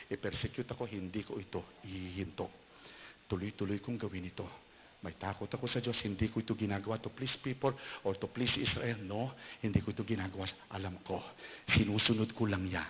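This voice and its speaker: A man preaching an animated sermon, a bishop who leaps into high mocking voices when he acts out the people he quotes. His voice rings out with a long hall echo, and the recording sounds dull with a faint hiss underneath. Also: fast talker.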